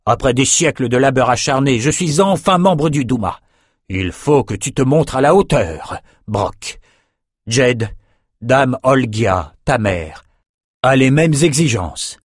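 A man voicing a gruff, demanding older father who scolds his son in a storybook reading. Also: medium pitch, animated, slow, no room sound, clean studio sound, voice pushed up. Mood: stern. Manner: scolding, insistent.

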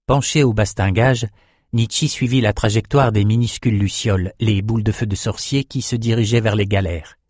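A man reading a fantasy novel aloud in steady, measured scripted narration. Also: fairly low pitch, dry recording, clean studio sound. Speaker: audiobook narrator.

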